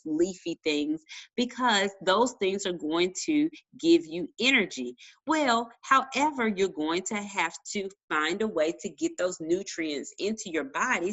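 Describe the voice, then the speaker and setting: A woman's voice: fairly low pitch, fairly bright tone, low-quality recording. A woman science teacher giving a casual online lesson to children, playful and chatty. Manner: chatty, talks while chewing a cracker; playful, addresses kids as boys and girls.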